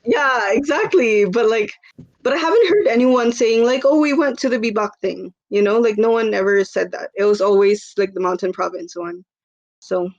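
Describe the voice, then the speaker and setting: A little high-pitched and at a moderate pace, a woman in her twenties from the Philippines chats casually as a podcast guest. She rambles, leans on fillers, and laughs easily, and the recording sounds lo-fi.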